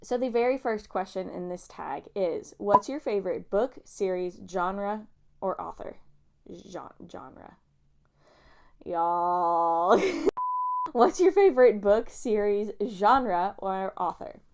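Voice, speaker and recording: Speaking slowly at a medium pitch, a young booktuber rambles casually about books. A touch nasal and sniffly with allergies, she's chatty and self-deprecating and keeps wandering onto playful tangents.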